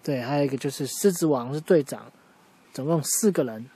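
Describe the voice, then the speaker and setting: A man spinning an improvised story for a young child in a middle-pitched voice. He explains patiently, answers questions as he goes along, and keeps the tale moving in simple words. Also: fairly quick, warm tone, husky.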